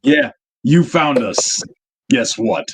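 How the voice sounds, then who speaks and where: A man's voice: on the high side, huge pitch swings, takes it slowly, creaky, noisy background. A man hosting a casual live stream from his home workshop, brash and swearing freely. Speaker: stream host. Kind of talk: casual chat.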